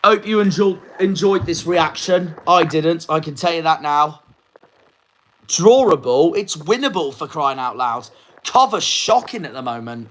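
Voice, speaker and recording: Lively in intonation and a little slow, with a fairly bright voice on the high side, this young Plymouth-area man fumes and swears in a post-match reaction vlog. It's a low-quality recording.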